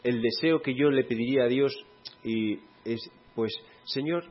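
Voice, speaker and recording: Husky-voiced male preacher, chatty informal sermon, muffled lo-fi sound. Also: medium pitch, unhurried. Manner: conversational, acts out quoted dialogue.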